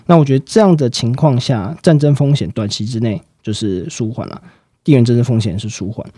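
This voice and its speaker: A man explaining market outlooks in a fast, explanatory way, with frequent fillers and sentence-final particles. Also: medium pitch, warm tone, breathy edge, dry recording, clean studio sound. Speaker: market analyst guest. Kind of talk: financial commentary chat.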